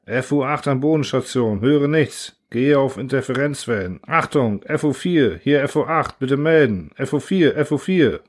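A man's voice: medium pitch, lively intonation, moderate pace, few pauses, close to an everyday voice. A man reading a storybook voicing a male pilot calling in terse radio reports. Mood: tense. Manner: clipped radio-call phrasing.

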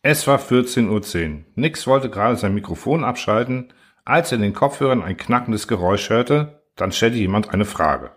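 Male audiobook narrator, low voice, measured storytelling. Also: lively intonation. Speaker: audiobook reader. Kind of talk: scripted narration.

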